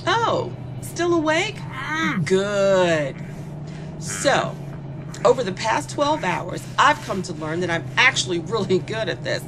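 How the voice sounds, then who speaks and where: In an audio horror monologue, a woman plays a spoiled, bored young killer who taunts conversationally and muses in a gleeful, drawn-out way. Her medium-pitched voice is very animated and full of gleeful menace, set against a noisy background.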